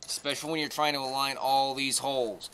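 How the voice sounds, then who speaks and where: Next to a pickup truck outside, a DIY vlogger walks the camera through an install in a casual, offhand way. His mid-range voice is fairly quick and sharp-toned, with fairly even intonation. The camera sits a short distance off, so the audio is noisy outdoor sound with clicks.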